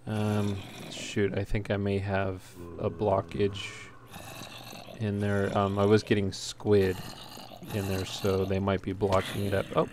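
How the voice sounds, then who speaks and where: With a completely flat delivery and a slow pace, a lowish-voiced man hosts a gaming video, casually talking through the walkthrough without a script and a bit hesitantly. It's a noisy home recording with clear background noise.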